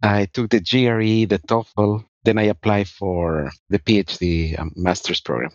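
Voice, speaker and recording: Man from ecuador talking about his path, lowish voice, dry dull-sounding mic. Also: fairly even intonation, normal speed, no room sound. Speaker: guest researcher. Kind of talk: interview answers.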